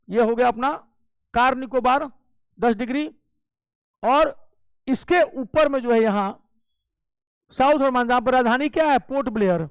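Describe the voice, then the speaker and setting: A man's voice: extremely high pitch, clear, resonant tone, no room sound. A male teacher giving an exam coaching lecture, explaining step by step and checking in often with his class. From Bihar. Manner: explains step by step with frequent "ठीक है" check-ins.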